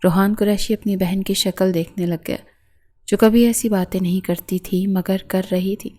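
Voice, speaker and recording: A woman narrating a romantic novel in a soft, unhurried reading voice. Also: medium pitch, fairly even intonation. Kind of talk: scripted narration.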